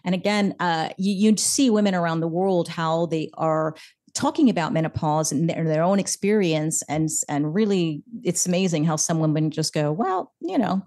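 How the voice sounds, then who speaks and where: A middle-aged woman guest chatting casually in an interview, telling stories with quick restarts and acted-out quotes. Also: low-pitched. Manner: animated storyteller acting out quoted voices, frequent restarts. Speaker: podcast guest.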